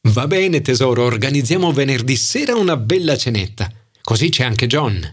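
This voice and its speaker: A man voicing an anxious, flamboyant male friend who climbs into shrill high cries and turns bossy, in an audiobook. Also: very animated, moderate pace, slightly rough.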